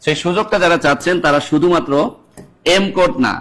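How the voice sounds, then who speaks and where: A man making a brisk promotional announcement about course discounts during an online class. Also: a bit bright. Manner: brisk sales pitch.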